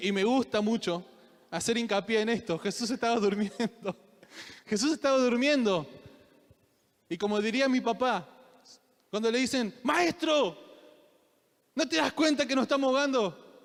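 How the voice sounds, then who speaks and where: Young male preacher, Rioplatense Spanish accent, very high voice, sermon that builds to shouting, recorded in a reverberant church hall. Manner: voseo, questions to the congregation, builds to shouted fervor.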